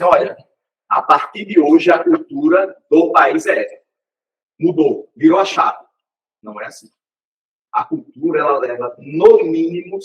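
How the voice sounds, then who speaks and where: A man's voice: on the high side, recorded from a distance, poor audio. A man with a Brazilian Portuguese accent giving a workplace training talk, in a conversational way that often checks in with the group. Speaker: corporate trainer.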